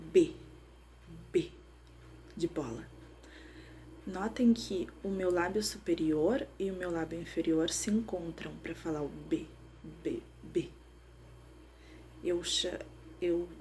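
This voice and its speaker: A woman's voice: fairly low pitch, darkish tone, a little hiss or hum. A woman teaching children about letters and syllables, patiently sounding out each one. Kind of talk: explaining phonics to children.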